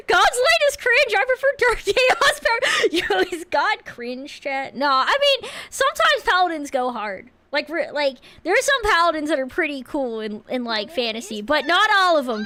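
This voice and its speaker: A woman's voice: high-pitched, pushed and bright. A woman livestreaming reactions and chatting to viewers in a cute, bubbly, exclamatory anime-streamer manner. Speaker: streamer reacting to a lore video.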